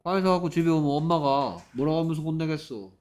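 A man's voice: fairly high pitch, a little mellow. Korean man teaching English grammar. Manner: scolding, mock-exasperated asides to students; reads English example sentences slowly. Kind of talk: grammar lecture.

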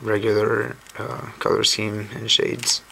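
A hoarse cube channel host, recovering from a lost voice, gives slow, casual unboxing commentary in a very low, gravelly voice, relaxed and thinking aloud with mild uncertainty. He sits indoors at a wooden table, filmed by a camera mic on a tabletop shot of his hands, with noisy home camera audio.

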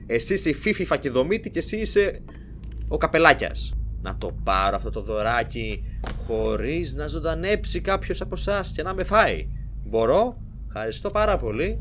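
A man narrating his gameplay in a bright, animated voice that swings up high when he gets excited. He jokes and yells at the characters on screen while faint music plays behind him. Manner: excitable, jokey, shouts at game characters. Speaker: let's play host. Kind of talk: live gameplay commentary.

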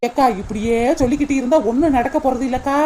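A woman's voice: high voice, steady tone, fast, warm tone, a little hiss or hum, close to an everyday voice. A woman voicing a bold, outspoken young village woman in a cartoon comedy, with a blunt, pushy way of talking. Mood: urging.

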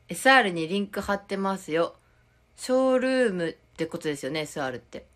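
A woman's voice: mid-range voice, fairly bright tone. A young woman with a Tokushima dialect, chatting casually on a live stream and reading viewer comments aloud with frequent giggles. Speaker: idol livestreamer.

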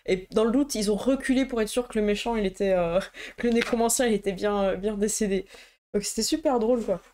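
A woman's voice: medium pitch, warm tone. Hesitant woman chatting about a game book. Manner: hesitant, many fillers and restarts. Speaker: tabletop roleplaying game YouTuber. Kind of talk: casual show-and-tell chat.

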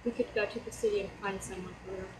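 Her mid-range voice stays steady as she talks fast: a German teen let's-play host with a German accent, hoarse from a slight cold, chatting hesitantly with many fillers during gameplay. The recording comes from a distant laptop mic, roomy and backed by laptop fan hum.

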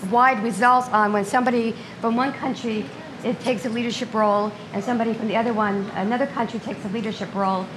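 A middle-aged American woman, a guest speaker, gives a slide lecture in a conference room, speaking conversationally with frequent ums and restarts. Her voice is on the high side, with background noise, and she uses a lectern mic before switching to a handheld one.

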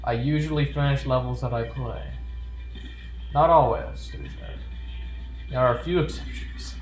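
A man at medium pitch and moderate pace gives joking, playful let's play commentary, voicing the on-screen text as he goes. Game music runs in the background, and the room adds an echo.

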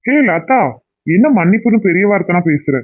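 Man voicing a cartoon husband, pleading, affectionate, higher voice, tinny phone-like sound. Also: lively intonation, normal speed. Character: young husband pleading to make up with his wife.

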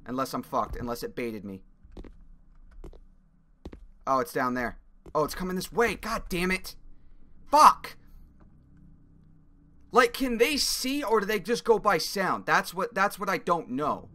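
A man's voice: fairly high pitch, lively intonation, moderate pace, pauses often, sharp tone. A young man giving casual gameplay commentary, rambling as he thinks aloud. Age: young adult. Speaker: gamer reviewing a game demo.

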